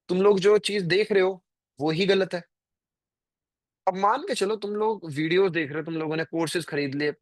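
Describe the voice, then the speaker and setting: On a trading live stream, a twenty-something male host rambles to his viewers, addressing them directly and leaning heavily on fillers. His voice sits a little high, and there's no room sound at all.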